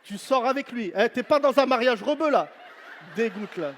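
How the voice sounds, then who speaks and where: A man doing stand-up crowd work on stage, teasing the audience with loud, street-flavoured banter. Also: extremely high pitch, animated, moderate pace, a little hiss or hum. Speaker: stand-up comedian. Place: large venue on stage. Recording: live show with long hall reverb.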